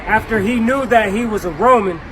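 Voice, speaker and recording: A man reading Bible verses aloud in a formal, steady way. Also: high-pitched, a little fast, a crowd in the background. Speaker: scripture reader.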